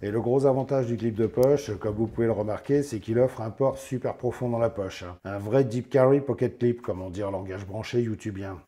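A man with a hoarse, nearly lost voice, hosting a casual knife review in a chatty, joking way. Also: on the low side, brisk, few pauses, mellow. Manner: chatty, jokey, tags lines with "hein". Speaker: knife review channel host.

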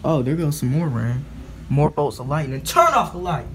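A man's voice: on the high side, animated, normal speed, fairly bright tone, slight background noise. A young man from the United States, talking bluntly and with lots of profanity as he films a thunderstorm from his window. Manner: blunt and profane, scolding then muttering. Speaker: vlogger. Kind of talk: casual vlog commentary. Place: indoors at a window during a storm.

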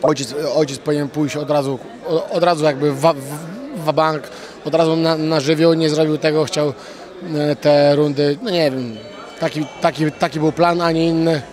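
A young man, a fighter, answering post-fight interview questions outdoors into a handheld mic, halting with many fillers and restarts and blunt slang. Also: fairly high pitch, fairly even intonation, darkish tone. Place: outdoors at an event press wall. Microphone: handheld reporter mic.

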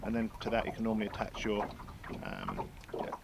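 This sixty-something fishing guide has a fairly low voice with wildly swooping pitch and vocal fry, talking a little fast. Chatty and explanatory, with many restarts, he shows off his tackle setup from a small lake boat. The outdoor how-to is recorded amid wind and water noise.

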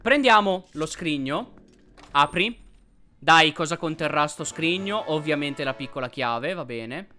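A man hosting a let's play, commenting on gameplay and yelping excitedly at enemies. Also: on the high side, a little slow. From Italy. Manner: excitable, yelps and shouts at enemies.

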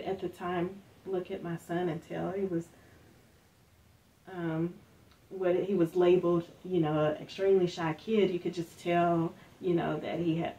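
Middle-aged woman from Northern Kentucky, interview storyteller, lowish voice, mic set back with faint hiss. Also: distant mic, poor audio. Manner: soft-spoken, many fillers, acts out quoted speech.

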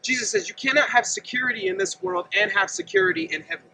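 Preaching outdoors beside a gravel lot and a fence, a man in his thirties talks fast in an earnest, conversational manner. His very high voice is heavily gravelly, with a bright, tense edge and lively pitch swings. He stands a fair distance from the camera, and a faint open-air hum sits behind him.

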